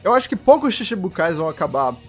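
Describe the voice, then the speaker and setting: A man with an animated, swooping voice that sits a little high steers a casual podcast chat. He laughs easily and keeps bringing the talk back to the topic. Faint music plays underneath. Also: fast. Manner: lively, laughs often, leads the topic. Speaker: podcast co-host. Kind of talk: casual chat about anime.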